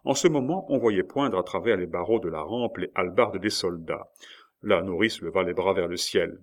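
A man reading a classic novel aloud as expressive audiobook narration. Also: deep voice. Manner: measured, expressive storytelling. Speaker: audiobook reader.

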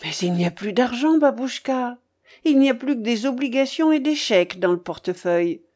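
A woman voicing a dutiful, cautious young man who speaks in a measured, deferential way, in an audiobook. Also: a little high, animated, darkish tone, voice pushed up. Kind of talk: audiobook character voice.

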